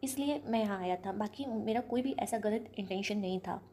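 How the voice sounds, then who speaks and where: A woman's voice: medium pitch, normal speed, a little hiss or hum, lightly acted. A woman voicing a polite young man who apologizes, with no real change of voice. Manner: soft, polite.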